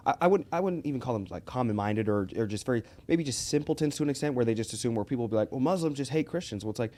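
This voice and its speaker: A man's voice: mid-range voice, expressive, racing, mellow. A man hosting a casual podcast chat in an agreeable, enthusiastic manner. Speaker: podcast host.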